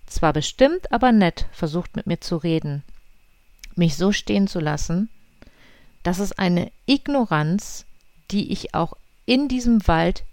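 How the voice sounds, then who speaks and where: A woman's voice: lowish voice, dry recording. A woman vlogging outdoors in a forest, casually telling her viewers a personal story and acting out the lines people said. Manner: lively retelling that acts out quoted dialogue.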